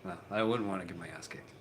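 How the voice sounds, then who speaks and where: A man in his fifties hosts a casual live chat with his viewers, rambling and swearing, his talk full of fillers and restarts. His voice is deep and fast, with a little hiss or hum in the recording.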